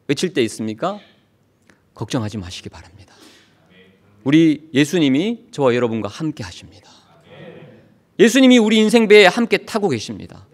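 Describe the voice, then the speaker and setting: Male pastor preaching, lively up-and-down voice, lots of rhetorical questions. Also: on the high side. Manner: dramatic preaching with rhetorical questions, acting out pleas. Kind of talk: sermon.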